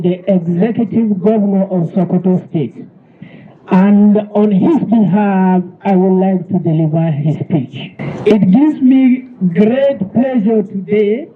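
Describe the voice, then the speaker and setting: Man, Nigerian accent, very high voice, slow pace, formal official read speech, narrow tinny recording. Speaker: state government official.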